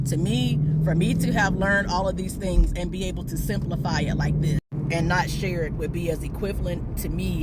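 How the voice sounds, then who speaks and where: A vlogger ranting casually to followers in an emphatic, defensive and blunt way, swearing at times. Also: mid-range voice. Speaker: fitness and diet vlogger. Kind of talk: casual vlog rant to followers. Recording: clear vehicle and outdoor background noise.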